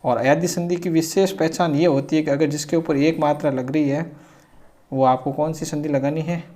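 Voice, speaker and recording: A man teaching a grammar lesson, explaining slowly, repeating points and answering his own questions. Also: fairly high pitch, fairly even intonation, mellow.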